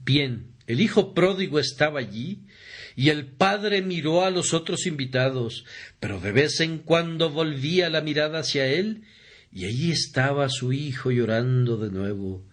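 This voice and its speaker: Slow, earnest male sermon reader. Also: a little high, expressive. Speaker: preacher. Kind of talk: read sermon, Spanish voice-over.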